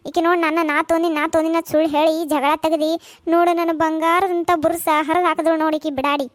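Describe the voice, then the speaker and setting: Lady putting on a squeaky bickering village auntie, north karnataka accent, rattling fast, dry sound. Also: level tone, no room sound. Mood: quarrelsome. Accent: North Karnataka Kannada. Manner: shrill, cursing, nagging. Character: shrill quarrelsome village mother-in-law and daughter-in-law. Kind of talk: cartoon voice acting.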